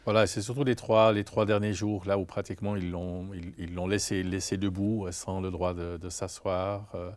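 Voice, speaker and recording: A man's voice: low-pitched, level tone, moderate pace, few pauses. A man speaking as a guest in a studio interview, earnest and hesitant, often repeating words as he talks.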